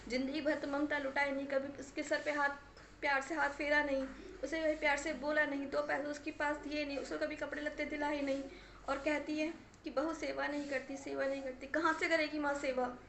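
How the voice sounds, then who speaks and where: A high, reproachful daughter's voice, as a woman acts it out in a family story, scolding her mother and hammering the same words again and again. The sound rings a little in an echoey room. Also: little pitch movement, brisk, fairly bright tone, a little hiss or hum. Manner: reproachful, emphatic, repeating herself.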